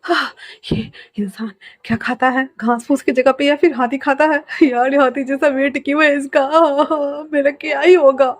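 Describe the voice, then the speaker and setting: A woman's voice: high voice, steady tone, normal speed, no room sound, pitched above the performer's own voice, close to an everyday voice. A woman voicing a flustered, melodramatic young man who panics and complains, with exclaiming outbursts. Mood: panicked.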